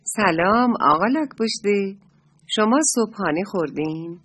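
A woman's voice: mid-range voice, animated, fairly bright tone, slightly rough, dry recording. Little Moon, a curious young creature, voiced by a woman. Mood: eager. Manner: eager, questioning.

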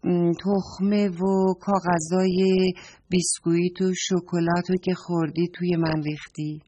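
A woman's voice: lowish voice, level tone, mellow, breathy edge, dull audio. A woman voicing a fussy talking orange bag from a children's story that scolds and complains about being filled with litter. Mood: complaining.

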